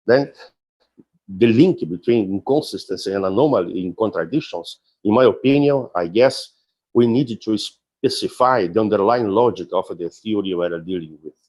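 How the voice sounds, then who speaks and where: Halting, lower-voiced man giving an academic lecture. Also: darkish tone. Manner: halting, with frequent restarts and fillers; deliberate, explanatory. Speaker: philosophy professor giving a talk.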